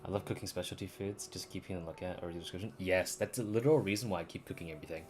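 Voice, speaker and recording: Racing along in a deep, slightly mellow voice, a live streamer chats casually about the video game he's playing. A little hiss or hum is present, along with the game's music and dialogue in the background.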